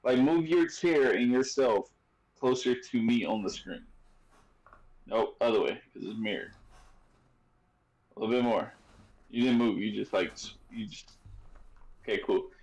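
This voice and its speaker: A man's voice: mid-range voice, unhurried, long pauses, a little mellow, poor audio. A man hosting a sports podcast in loose, joking casual chat, full of fillers and restarts. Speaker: podcast host.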